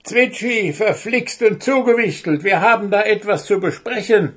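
A man voicing a fussy, grumpy male gnome in a storybook reading, loud, shrill and indignant. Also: normal speed, husky.

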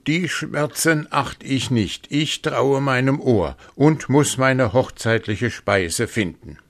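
A man voicing a boastful, hungry male wolf in a storybook reading, loud and commanding. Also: mid-range voice, slow, voice pushed up. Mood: stubborn.

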